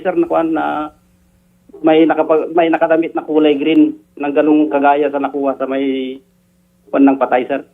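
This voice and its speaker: A man's slightly high voice comes through a tinny, narrow phone line. He reports as a police investigator, halting and searching for words. He adds a deferential "sir" to nearly every phrase. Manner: deferential, says "sir" constantly, halting with fillers.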